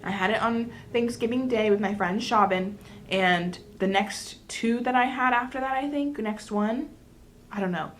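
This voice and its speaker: A woman's voice: a little high, moderate pace, slight background noise. A woman hosting a mukbang, chatting casually to viewers between bites of food. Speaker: mukbang host. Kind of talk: casual eating-show chat.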